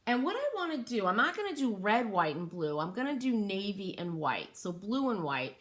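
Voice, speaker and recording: A woman's voice: mid-range voice, sing-song, normal speed, a bit bright. Chatty middle-aged lady doing a craft livestream from home, talks to viewers as she works. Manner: chatty, greets viewers by name, thinks aloud. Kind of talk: casual livestream chat while stenciling. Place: home workroom by an open window.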